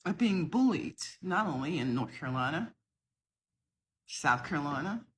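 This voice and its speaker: A middle-aged social media creator from the southern United States speaks to camera, passionately and emphatically rebutting another video. Her low, husky voice is expressive and moderately paced.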